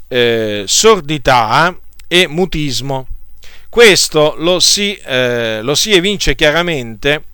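A man teaching a sermon to his listeners, pausing often with filler sounds and restarting his sentences. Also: medium pitch, bright, forceful tone, clean tone, no echo, clean studio sound. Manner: hesitant, halting, many filler sounds and restarts; addresses listeners directly. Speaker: preacher. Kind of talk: teaching sermon with scripture reading.

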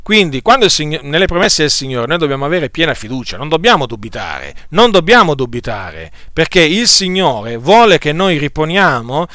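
Male preacher, sermon delivery, bright tone, halting and repetitive phrasing, dry room. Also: on the high side, very animated, no room sound. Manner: deliberate, with frequent hesitation fillers and repetitions.

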